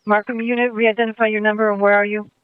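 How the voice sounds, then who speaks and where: A man's voice: high-pitched, flat delivery, fast talker, clear, resonant tone, no room sound. A man dispatching over police radio, repeating back each report in short clipped phrases. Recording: tinny police radio transmission.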